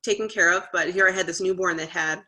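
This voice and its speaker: A woman's voice: fairly low pitch, fairly even intonation, fast talker, pushed and bright. A woman in her thirties, a guest parent telling her story in a casual interview, chatty and earnest, acting out the conversations she recalls. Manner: chatty, with frequent "like" and "you know".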